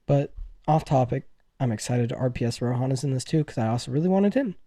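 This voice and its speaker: The host of a news video chats about games with viewers, excitable and gushing in tone. He uses a mid-range voice at a fairly quick pace, and the recording is dry with clean studio sound.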